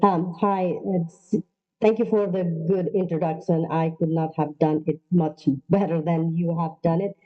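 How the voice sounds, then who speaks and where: A woman from Nepal giving an online lecture as a nurse practitioner, pausing often with ums and uhs. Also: fairly low pitch, steady tone, phone-quality sound. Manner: halting, many ums and uhs. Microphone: video call.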